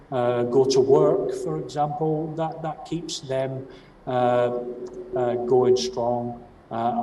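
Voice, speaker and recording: A man's voice: medium pitch, dark tone. A man with a broad Scottish accent giving a training presentation, explaining step by step and often checking that listeners follow. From Scotland. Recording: distant mic, roomy echo, faint noise.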